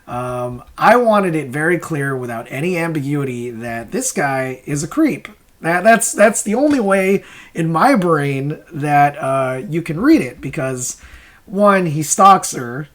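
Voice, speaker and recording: Expressive and unhurried, this man's slightly high, fairly bright voice delivers rambling, casual commentary as a comic creator and host. He sounds unsure, questions himself, and chuckles while explaining.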